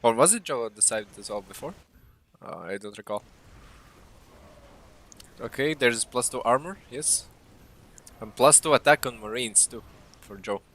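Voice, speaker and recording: A man with a bright, forceful, mid-pitched voice breaks down an esports match as a caster. He thinks aloud and fills his pauses with uhs. His calls stay analytical. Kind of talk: live game commentary.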